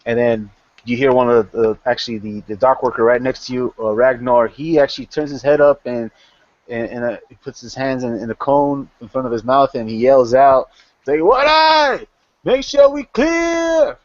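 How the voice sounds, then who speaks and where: A man's voice: mid-range voice, fairly even intonation, brisk, a little mellow, dry recording, dull audio. A man narrating a tabletop game as game master, rambling with many restarts.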